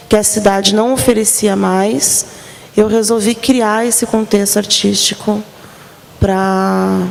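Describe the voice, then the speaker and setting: A woman's voice: mid-range voice, gravelly. A woman speaking on a dance panel as an artist and program organizer, reflective and searching for her words. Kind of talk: panel discussion. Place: arts center stage. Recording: reverberant hall with faint noise.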